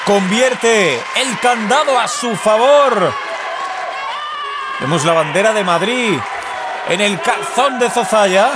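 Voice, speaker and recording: A man with a Spain accent calls wrestling live as a commentator. His voice sits very high and excited, hammering phrases by repetition. A loud crowd and heavy hall noise surround him. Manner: excited, repeats phrases for emphasis. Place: indoor sports hall at live show. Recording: noisy echo-prone sports hall, loud crowd.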